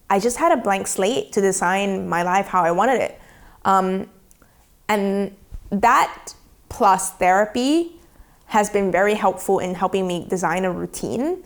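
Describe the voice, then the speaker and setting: A woman, speaking softly and thoughtfully in a reflective documentary interview. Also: mid-range voice. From Australia. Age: 20s. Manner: soft-spoken and thoughtful, slowing down on feelings. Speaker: documentary subject. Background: faint background music.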